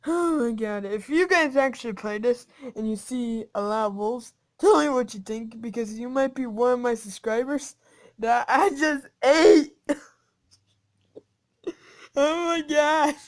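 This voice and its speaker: Giggly female game commentator, slightly high, unhurried; taunting whispers, sudden shouts. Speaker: gaming channel host.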